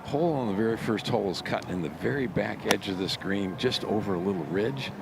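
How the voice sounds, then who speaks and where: A man with a low, gravelly voice gives golf color commentary. He explains the lie and the rough in an easygoing way. Clear background noise runs behind him. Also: brisk. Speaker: golf analyst. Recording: broadcast with steady background noise.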